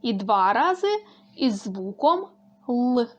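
A woman speech therapist leading a lesson with slow, clearly articulated sound drills. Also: fairly high pitch, sing-song, muffled recording.

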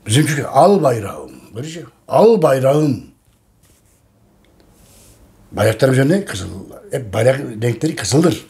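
Turkish man, channel host, lively pitch, repeats himself emphatically. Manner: repetitive, addresses listeners as friends, emphatic. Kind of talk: casual monologue to viewers.

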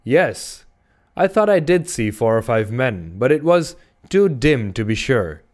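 A man voicing a brisk, impatient young male sailor in an audiobook, curt and dismissive. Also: medium pitch, very animated. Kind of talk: audiobook character voice.

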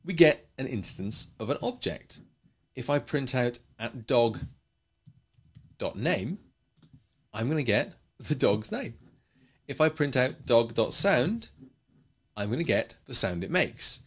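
A man's voice: mid-range voice, very animated, slow, long pauses, husky. A man teaching a coding lesson in a chatty way, explaining with playful asides. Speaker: programming teacher.

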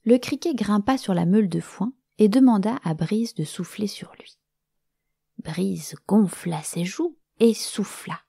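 A woman storyteller narrating a children's story in a gentle, expressive way, sometimes dropping to a whisper. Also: medium pitch, measured pace, gravelly, breathy edge, no echo, studio quality.

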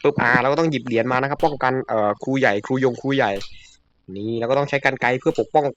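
A man giving casual, excitable commentary while he plays a video game, with frequent yelps. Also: mid-range voice, fast talker, dull audio, slight background noise. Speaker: gamer.

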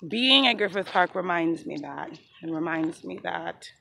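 A woman's voice: fairly low pitch, expressive, measured pace, creaky, pushed and bright, a little hiss or hum. A woman in her thirties vlogging on a phone held at arm's length while walking uphill on an outdoor park trail, reflective and devout, close to tears and a little out of breath. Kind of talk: casual walking vlog.

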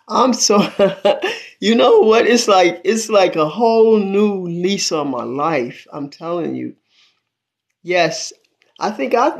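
Slow-talking woman in her eighties. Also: on the low side. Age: 80s. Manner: devout, exclamatory, thanks viewers by praising God. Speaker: livestream host. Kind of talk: casual livestream chat. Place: small room indoors. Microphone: phone at arm's length.

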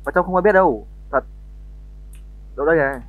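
A man's voice: a little high, a little fast, no echo. A man joking and chatting casually with another player during a roleplay game, repeating his words as he goes. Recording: tinny dry voice-chat line.

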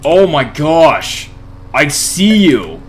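A man's voice: a little high, sing-song, very slow. A man giving horror game commentary who swears and talks to the monsters. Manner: jumpy, swears and yelps at scares. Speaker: gaming YouTuber.

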